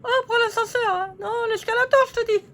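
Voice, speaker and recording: A woman voicing squabbling paper-doll ladies in a squeaky, high, bickering voice. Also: steady tone, quick pace, a bit bright, a little hiss or hum. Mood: snappy. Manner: bickering, teasing, snappy.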